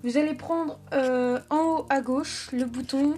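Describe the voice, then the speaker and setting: High-voiced woman giving a halting tutorial. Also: steady tone, darkish tone. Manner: halting, self-correcting delivery. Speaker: tech tutorial host. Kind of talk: step-by-step phone app tutorial. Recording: background music under the voice. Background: music.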